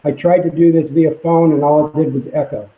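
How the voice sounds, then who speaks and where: A man's voice: on the high side, fairly even intonation, brisk. A man giving a plain, matter-of-fact technical briefing on a call, his voice muffled as if talking through a pipe from a computer mic. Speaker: site presenter at a public conference call. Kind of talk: technical briefing reading from a permit. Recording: echoey, muffled call audio.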